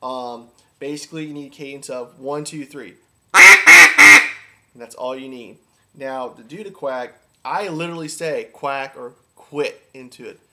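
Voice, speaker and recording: At a moderate pace with few pauses, a man teaches duck calling in a medium-pitched voice. He's an instructor whose casual how-to talk is informal and repetitive, and he's plainly enthusiastic about his subject.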